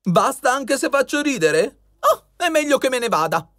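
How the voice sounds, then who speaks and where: A man's voice: very high voice, big pitch swings, moderate pace, fairly bright tone, no room sound, studio quality, pitched above the performer's own voice, exaggerated voice. A man voicing a clownish young male trickster who whines and fakes sobbing. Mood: huffy. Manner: fake sobbing, whiny.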